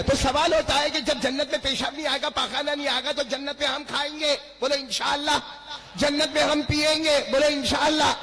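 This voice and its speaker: A man preaching a lively storytelling sermon to a large seated gathering, calling on the crowd to answer back. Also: sits high, low-quality recording. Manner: calls on the crowd to answer back, repetitive and animated.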